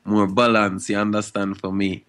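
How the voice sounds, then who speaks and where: Young male reggae artist, low voice, relaxed interview talk full of verbal tags. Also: moderate pace, smooth. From Guadeloupe and Switzerland. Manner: laid-back, frequent "you know" and "you understand" tags.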